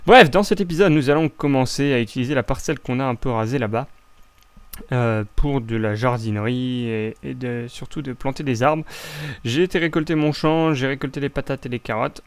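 A man's voice: medium pitch, brisk, clean tone, dry recording. A young man with a French accent chatting casually as he plays a building game, rambling with lots of restarts. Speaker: Minecraft let's play host. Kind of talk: casual gameplay commentary.

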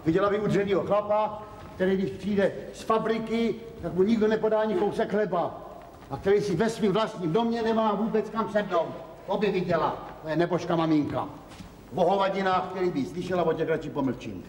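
Man acting as an indignant worn-out middle-aged husband, exasperated, fairly high voice, 1970s TV drama, roomy reverb. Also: darkish tone, lightly acted. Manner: exasperated, protesting. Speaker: factory-worker husband. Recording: echoey 1970s TV film sound, faint hiss.

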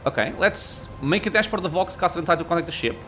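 A man's voice: a little high, fast, fairly bright tone, faint music behind. A man hosting a gaming video, thinking aloud with fillers and muttered asides as he plays. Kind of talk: casual let's-play commentary.

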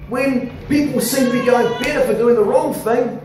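Aussie pastor preaching, lively and coaxing, big echo in the church hall, faint hiss. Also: male voice, very high-pitched, normal speed. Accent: Australian. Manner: animated, gesturing, coaxing the congregation. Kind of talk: sermon. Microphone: handheld microphone. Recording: echoey hall, somewhat distant, faint noise.

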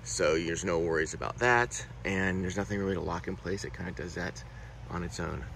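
Deep, brisk and gravelly, a man's voice comes through with slight hiss or hum. He is a product reviewer casually demonstrating a rooftop tent on a handheld phone outdoors, handling the gear as he explains, moving from beside the car to inside the tent.

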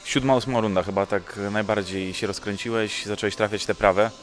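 A man's voice: lowish voice, fairly even intonation, brisk, faint music behind. A male interviewer asking a boxer direct questions after a fight, with frequent filler sounds.

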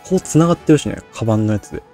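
Man, slurred mumbly diction, casual game commentary, mid pitch. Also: animated, rapid-fire, mellow, faint music behind. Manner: rambling, self-deprecating, thinks aloud. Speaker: game streamer. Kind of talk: casual Let's Play commentary.

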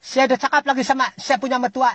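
A comic storyteller with a Sabahan Malay accent, ranting and scolding an unseen listener in an exasperated comic monologue, the pitch jumping up and down. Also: little pitch movement, fast, a bit bright, no room sound.

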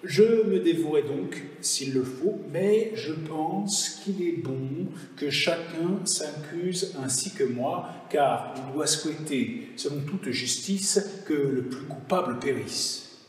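A man reading the part of a solemn male lion king holding council, in a grave, measured declamation of a verse fable. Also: on the high side, lively intonation. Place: large stone chapel, live audience reading. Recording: echoey chapel, voice from far off.

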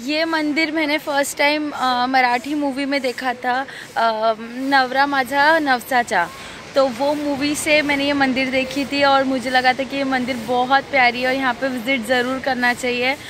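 A woman in her thirties, her voice sitting a little high, chats informally to her phone camera while travelling. She records outdoors, and some faint noise runs under her voice. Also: level tone, unhurried, fairly bright tone. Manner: chatty, informal, talks straight to camera. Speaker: travel vlogger. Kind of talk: casual travel vlog narration. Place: outdoors at night by a roadside stall and at a temple. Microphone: phone held at arm's length.

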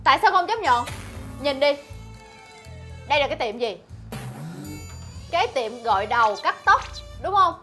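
A bright, scolding big sister. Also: female voice, high voice, expressive, normal speed, long pauses, soft background music. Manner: blunt, scolding, sarcastic. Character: sharp-tongued older sister who runs a salon. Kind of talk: sitcom acting.

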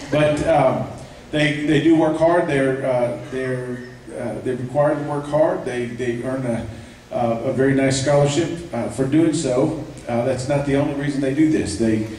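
A man's voice: medium pitch, fairly even intonation, darkish tone. Guy emceeing a church concert, lots of uhs and little jokes, far off mic, big echo. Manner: halting, many fillers, light joking. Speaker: ensemble director introducing singers. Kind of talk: live concert emcee talk. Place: church sanctuary. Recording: echoey church, distant mic, faint noise.

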